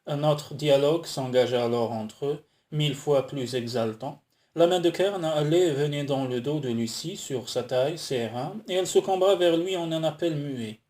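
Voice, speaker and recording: A man narrating a romance audiobook in a measured, flowing manner. His voice sits a little higher than most men's. He tells the story steadily and smoothly. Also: darkish tone. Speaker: audiobook reader.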